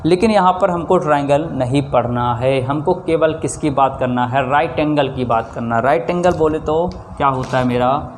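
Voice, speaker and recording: In a classroom maths lesson, a man with a north Indian Hindi accent speaks on the high side at a moderate pace, with a slight hiss or hum present. Frequently asking rhetorical questions, he supplies the answers himself and keeps checking with "theek hai."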